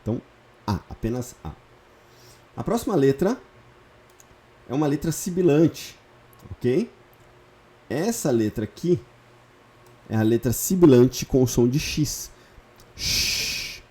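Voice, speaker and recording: A man's voice: medium pitch, animated, a little slow, long pauses, mellow. A man teaching a lesson step by step, patient, repeating key points and checking in often. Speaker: Hebrew teacher. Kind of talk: online lesson, explaining step by step.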